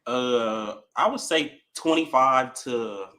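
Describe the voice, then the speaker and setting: A young man in his twenties on a video call speaks with a bright edge, softly and hesitantly, his sentences trailing off. He sounds unsure of himself as he fumbles his words. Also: mid-range voice, slow. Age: 20s. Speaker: caller on a dating stream. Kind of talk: casual chat.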